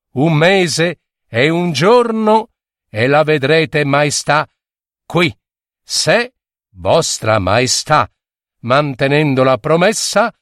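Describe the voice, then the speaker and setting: Man doing a sly wizard haggling, slow and pushy, dry sound. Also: a little high, a bit bright, no echo, exaggerated voice. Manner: insistent, haggling. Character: sly bargaining male wizard.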